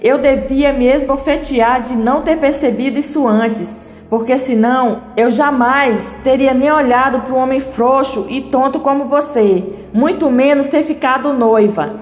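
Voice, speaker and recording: A woman's voice: sits high, a little slow. A woman reading as Maria Clara, a furious jilted bride. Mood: indignant. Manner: read-out dialogue with mild emphasis. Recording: echoey room, long reverb, faint music.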